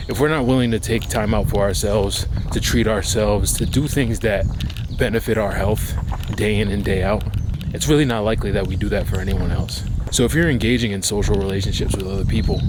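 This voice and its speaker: Male vlogger, lowish voice, reflective casual advice delivered while walking outside, with clear city and traffic noise. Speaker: vlogger giving life advice. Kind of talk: casual reflective talk to camera. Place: outdoors on a walk. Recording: outdoor city ambience, clear background noise. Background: outdoor urban noise, vehicles.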